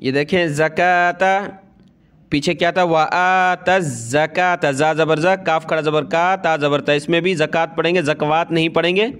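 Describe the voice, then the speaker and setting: A man teaching Quran reading, spelling out each letter and vowel mark and then chanting the word slowly, with quick explanatory asides in between. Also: on the high side, steady tone, a bit bright, clean tone. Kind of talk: slow spelled-out recitation lesson.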